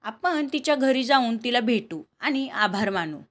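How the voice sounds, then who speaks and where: A woman voicing a gentle elderly grandmother in a family audio story, speaking softly and reassuringly. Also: a little high, lively intonation, moderate pace. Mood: calm, kind.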